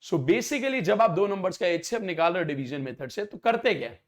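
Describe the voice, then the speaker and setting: A man's voice: high voice, lively intonation, brisk. A young adult man, teaching an exam-prep maths lecture step by step and often checking that students follow.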